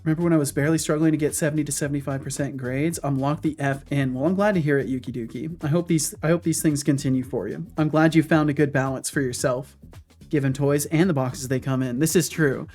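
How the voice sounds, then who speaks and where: With faint music in the background of his home office, a game developer in his thirties codes live and talks easily with his stream's chat. He speaks at a quick pace in a voice on the high side, keeping things relaxed and slipping in remarks to viewers between bits of coding.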